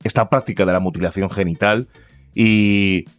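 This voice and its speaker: A man hosting a podcast, jokey and quick to laugh, stumbling and repeating words when the topic turns serious. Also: on the low side, steady tone, soft background music. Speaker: podcast host. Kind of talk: casual chat.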